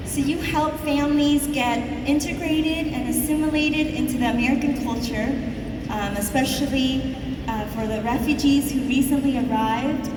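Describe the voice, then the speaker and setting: A woman's voice: high voice, moderate pace, background noise. A woman interviewing a guest on a conference stage, leading the talk and summing up the answers. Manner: leading, summarizing, prompting questions. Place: large convention hall. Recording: echoey hall, distant mic, music.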